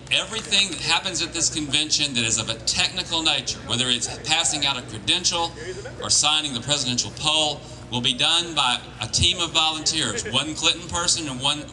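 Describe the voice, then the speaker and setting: A plain-spoken man giving an informal political speech as a campaign organiser, with halting restarts. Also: fairly high pitch. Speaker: campaign organiser addressing volunteers. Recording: crowd noise behind live speech. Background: crowd.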